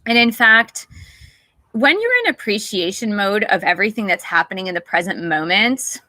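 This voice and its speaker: Woman host of a spiritual livestream, bright, close dry sound, unhurried and gentle, welcomes chat viewers. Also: medium pitch, lively intonation, dry recording. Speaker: meditation teacher and channel host. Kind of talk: livestream talk before a guided meditation.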